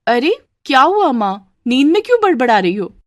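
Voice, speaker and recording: A woman's voice: sits high, very animated, normal speed, dry recording, clean studio sound, pitched above the performer's own voice. A woman voicing an eager young sister-in-law in a cartoon story who tattles to her brother.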